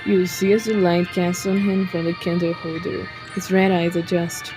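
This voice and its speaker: A woman's voice: lowish voice, level tone, normal speed, rough recording. A woman reading a visual novel aloud, breaking off with joking asides. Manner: reads narration, breaks off to joke and laugh. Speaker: game streamer. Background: game music.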